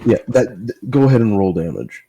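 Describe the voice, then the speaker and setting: A man running a tabletop role-playing game as dungeon master, relaxed, explaining the rules and thinking aloud. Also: fairly low pitch, fairly quick, vocal fry, a little hiss or hum.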